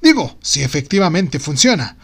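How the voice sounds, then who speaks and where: A sardonic male bureaucrat, as a storyteller puts him on talks in a somewhat high voice. He is officious, wordy and sceptical, mocking in a storybook manner. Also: big pitch swings, normal speed, vocal fry, slightly rough, heavily acted. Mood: astonished, sceptical. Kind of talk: audio storybook.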